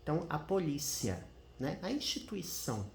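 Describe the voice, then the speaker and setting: A man's voice: fairly high pitch, sing-song, normal speed, creaky. Brazilian guy giving an english lesson on screen, bouncy up-and-down voice, keeps asking "tá? né?", kinda echoey room. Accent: Brazilian Portuguese. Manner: chatty, keeps checking in with "tá?" and "né?". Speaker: English teacher. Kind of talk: screen-share grammar lesson. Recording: roomy echo.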